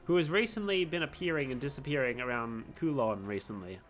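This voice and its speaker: A man voicing an eccentric occult magazine editor from a video game, with theatrical mock-villain menace and drawn-out evil laughs. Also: medium pitch, natural voice. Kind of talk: video game dialogue read aloud.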